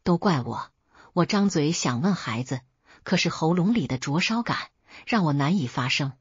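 A woman's voice: low-pitched, lively intonation, moderate pace, breathy edge, dry recording, highs cut off, heavily acted. A woman voicing an anxious, fussing housekeeper. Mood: apologetic. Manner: apologetic, coaxing. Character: anxious, caring middle-aged housekeeper woman.

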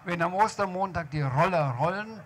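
A man's voice: high voice, moderate pace, a bit bright, a little hiss or hum, pitched above the performer's own voice. Man reading as a modest, courteous lodger. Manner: modest and polite.

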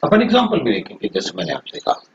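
A man with an Indian accent teaching chemistry. He repeats lines slowly for his students to copy, then explains quickly in mixed Hindi and English. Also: mid-range voice, wildly swooping pitch. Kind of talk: classroom lecture. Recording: echoey room, distant dull mic, faint noise.

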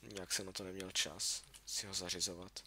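Over keyboard and mouse clicks, a chatty young gaming YouTuber with a deep, level, pushed, bright voice gives casual let's-play commentary. He talks to himself and yelps when alarmed, and the recording carries a little hiss or hum.

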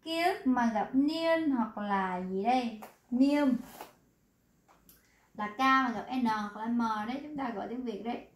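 A woman teacher, pitched a little high, guiding a class with patient questions. She repeats words slowly so students can follow. The room around her rings with echo. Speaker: Korean language teacher. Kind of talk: online class explanation.

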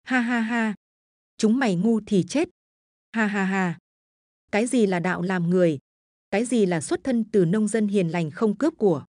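A woman's voice: mid-range voice, normal speed, a little mellow, no echo, clean studio sound, lightly acted. A woman voicing a greed-crazed young man who laughs maniacally as he kills, in a spoken horror story. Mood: gloating. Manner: maniacal cackling.

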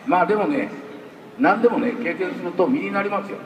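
Man, chatty storyteller on stage, slightly high voice, roomy live-venue sound with light hiss. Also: brisk. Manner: chatty, storytelling, lively pitch swings. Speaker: voice actor guest at a talk show. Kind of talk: casual stage talk. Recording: echoey hall, far from the mic, faint hiss.

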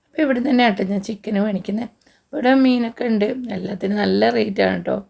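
A woman's voice: mid-range voice, steady tone, fast talker, vocal fry, a little mellow. A woman, short of breath, chatting homely through a casual cooking vlog. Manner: chatty, homely, frequent tag particles. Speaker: cooking vlogger.

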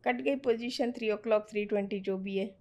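Speaking at a moderate pace in a darkish, mid-range voice, a middle-aged woman coaches a student on trading in conversation. She is direct and firm, and slips English phrases in as she teaches.

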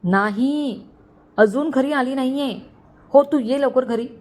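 A woman's voice: high-pitched, slow pace, a little mellow, voice pushed up. Greedy scheming middle-aged uncle, read by a woman, gloating and scolding. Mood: shouting.

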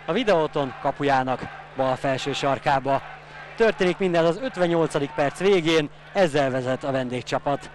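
A man giving excited, exclaiming live football commentary. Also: fairly high pitch. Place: outdoor stadium, match commentary. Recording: noisy outdoor stadium sound.

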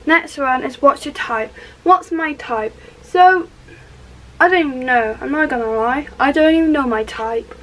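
Welsh teen girl vlogger, high bright voice, loose upbeat bedroom chatter. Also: measured pace, low-quality recording. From Wales. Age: teens. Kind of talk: casual get-ready-with-me chat. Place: small bedroom indoors.

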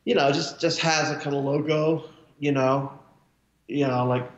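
A man's voice: on the high side, fairly even intonation, measured pace. A man in his forties, a guest speaking casually over a webcam call from a room at home, rambling with many restarts and fillers. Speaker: cartoonist guest. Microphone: webcam video call. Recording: roomy, dull video-call audio.

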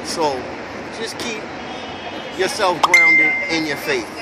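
A middle-aged man, from Brooklyn, leading a spoken prayer in a preacherly, measured way, recorded on a phone at night on a city sidewalk under an elevated train. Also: a little high, lively intonation. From Brooklyn, New York. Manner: preacherly, measured, emphatic pauses. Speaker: prayer leader in an online group. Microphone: phone camera at arm's length. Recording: very loud passing train noise outdoors.

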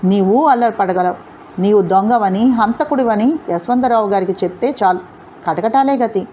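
A woman's voice: normal speed, dark tone, slight background noise, natural voice. Woman voicing a fierce, defiant young heroine. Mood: threatening. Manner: heated, scolding, rising in pitch. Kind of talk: audio novel character reading.

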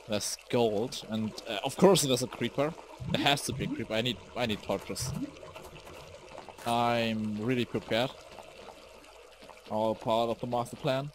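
A young man streaming a game live, rambling casually, easily startled, swearing and shouting at enemies. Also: mid-range voice, a little hiss or hum. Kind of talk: live gameplay commentary.

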